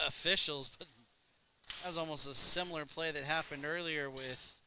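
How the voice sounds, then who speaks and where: Guy calling a school hoops game, kinda high voice, dry jokes, noisy gym all around. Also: fairly even intonation, bright, forceful tone. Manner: brisk calls, dry joking asides. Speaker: play-by-play announcer. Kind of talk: play-by-play commentary. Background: gym crowd and bouncing balls.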